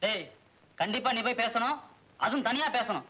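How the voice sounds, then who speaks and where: A man's voice: extremely high pitch, lively intonation, brisk, sharp tone, exaggerated voice, low-quality recording. An actor playing a young man who pushes his friend around in an old film comedy. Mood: teasing. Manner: pushy, needling. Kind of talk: 1980s film comedy acting.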